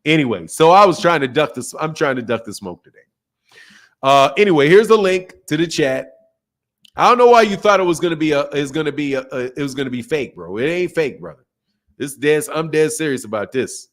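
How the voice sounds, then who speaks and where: On his boxing talk livestream, an American host chats casually with viewers, reading and responding to their messages. His voice is on the high side, a little fast with lively intonation, and he's emphatic and slangy, repeating phrases to stress them.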